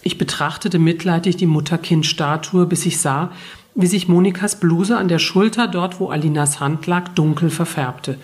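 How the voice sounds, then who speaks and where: A woman narrating a first-person novel as an audiobook, telling it in a calm, even way. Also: fairly low pitch, moderate pace.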